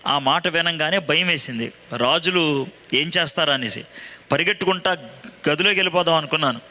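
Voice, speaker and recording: A man doing a studious young captive who recounts his fate matter-of-factly. The voice is bright and slightly high, with a long hall reverb behind it. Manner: plain, matter-of-fact first-person account.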